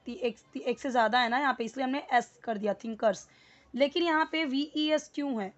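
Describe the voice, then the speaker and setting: A woman's voice: sits high, fairly quick, highs cut off. A woman teaching English in Hindi, repeating words and explaining them patiently with many fillers.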